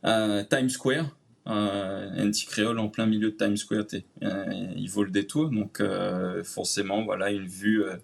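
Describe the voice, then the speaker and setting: A man from Réunion with a Réunionese French accent chats casually as an interview guest, hesitating often with many "euh" fillers and creole-tinged phrasing. His lowish, gravelly voice has a flat delivery at a measured pace.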